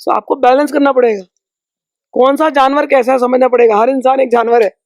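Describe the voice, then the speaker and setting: A woman spiritual teacher giving emphatic, conversational teachings in a podcast, with storytelling and sharp rhetorical asides. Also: sits high, steady tone, a little fast, dry recording. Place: indoor podcast recording.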